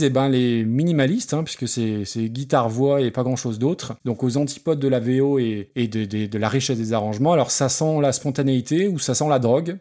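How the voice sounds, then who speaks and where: A man's voice: mid-range voice, dark tone. A man co-hosting a podcast, casually reviewing a song cover, rambling and hesitant with blunt slangy judgments. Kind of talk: casual chat.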